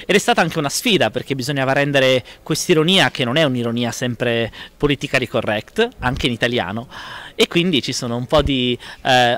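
A man in his thirties, a stage actor giving a casual promotional interview with an animated, smiling delivery. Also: mid-range voice.

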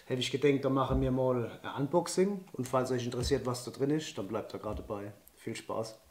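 Chatty and enthusiastic, with frequent laughter, a man who vlogs about outdoor and shooting sports works through a casual unboxing at a fairly quick pace. His medium-pitched voice is slightly hoarse from a cold. He's seated facing the camera at a wooden table indoors, where the room echoes and faint noise can be heard.

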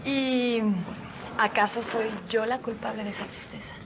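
High-voiced earnest young mother played by an actress. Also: fairly even intonation, moderate pace, dull audio, background noise, natural voice. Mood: tender, reassuring. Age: young adult. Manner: tender, sincere, reassuring. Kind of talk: soap opera acting.

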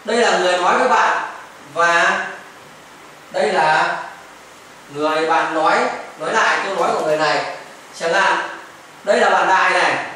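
A man's voice: sits high, brisk, long pauses, bright, forceful tone. A male teacher giving a patient classroom grammar lesson, repeating examples and mixing in English phrases. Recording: echoey classroom from far off, faint noise. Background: children chiming in.

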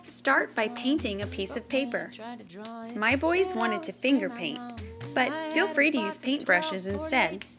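Over background music, a woman in her thirties reads picture books aloud to young kids in a fairly high, unhurried voice. She presents them with lively, exaggerated expression suited to children.

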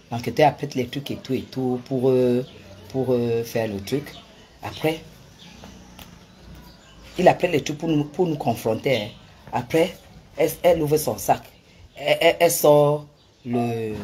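A woman's voice: extremely low pitch, dark tone, slight background noise. A woman telling viewers a personal story in a dramatic, emphatic way, with many restarts and repetitions. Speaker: vlogger recounting a personal dispute.

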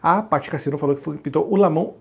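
A man's voice: a little high, rapid-fire, vocal fry, breathy edge. A man co-hosting a casual livestream, reading viewers' comments aloud and greeting them one by one by name. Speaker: livestream co-host reading chat.

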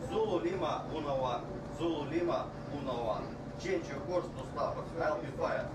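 A Russian-accented man speaks over a ship's radio, his voice set a little high. He repeats stern warnings in broken English, again and again. The signal sounds far off and echoey, with noise behind it. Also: normal speed. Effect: heard over a ship's radio. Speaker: coast guard radio operator.

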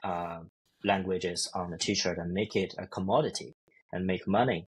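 A man in his thirties explaining ideas haltingly in an online interview, often repeating words. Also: deep voice, steady tone, breathy edge. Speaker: researcher guest. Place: indoors, book-lined room. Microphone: earbuds on a video call.

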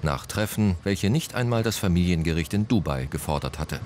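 A man reading a scripted news voice-over in a measured, even way. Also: low voice, noisy background. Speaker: news narrator.

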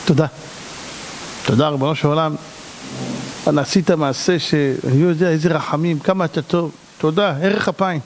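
A rabbi delivers a sermon in a voice pitched high for a man. He swings between loud outbursts and quiet pleading. The sound rings with the long reverb of a large hall. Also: long pauses, slight background noise. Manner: animated, swings between shouting and hushed pleading.

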